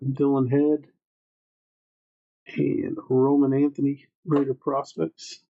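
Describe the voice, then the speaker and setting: Flat, muffled man hosting a card break. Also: mid-range voice, slow pace, creaky. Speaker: trading card box break host. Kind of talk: livestream card break commentary, calling out player names.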